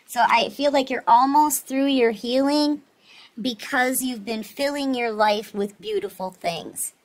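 A woman with a slightly high voice gives a casual, reassuring tarot reading as host, addressing the listener directly and checking in often. The recording quality is low.

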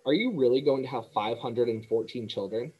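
An eager, innocent young pig asking questions with earnest wonder, played by a man reading aloud. The voice is soft and a little breathy. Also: mid-range voice, fairly quick, highs cut off, close to an everyday voice.

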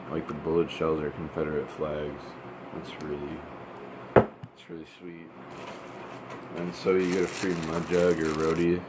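A young man with an extremely low, fairly flat voice gives a casual, muttered review at home. He sounds low-key and laconic. The homemade recording has loud noise behind him. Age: young adult. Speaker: product reviewer. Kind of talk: casual unboxing and review chat. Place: small room at home, indoors. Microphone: camera or phone at arm's length. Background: loud room noise.

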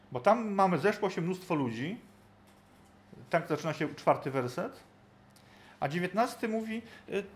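A man teaching a Bible study group in a conversational way, thinking aloud and often checking in with his listeners. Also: a little high.

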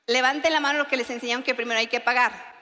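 A woman's voice: a little high, fairly even intonation, fast talker, bright, forceful tone. A woman in her forties with a Mexican accent, giving a chatty, joking sermon at a conference. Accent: Mexican Spanish. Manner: chatty, joking, acts out everyday dialogues. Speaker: conference speaker. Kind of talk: humorous sermon talk. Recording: echoey hall reverb.

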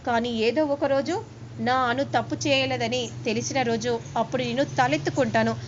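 Woman voicing a calm reassuring husband. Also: a little high, fairly quick, noisy background, natural voice. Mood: resigned. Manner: steady, soothing, explanatory. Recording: dull lo-fi with faint ambience.

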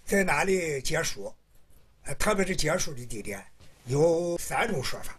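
A man in his seventies, a local researcher, explaining slowly and deliberately in an interview. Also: on the high side, expressive, breathy edge. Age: 70s.

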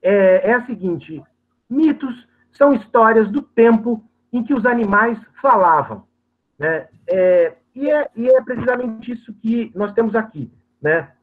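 A man's voice: high voice, animated, a little slow. A man lecturing over a video call, explaining patiently with many hesitations and fillers. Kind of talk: academic lecture. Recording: tinny phone-like video call audio.

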